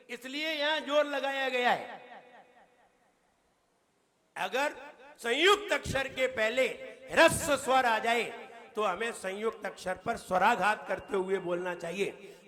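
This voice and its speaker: Jain monk giving a sermon, a very high, bright voice, slow and unhurried, quizzes the listeners and chants verses, long temple-hall reverb. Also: male voice. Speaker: Jain monk teaching scripture. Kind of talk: sermon teaching recitation.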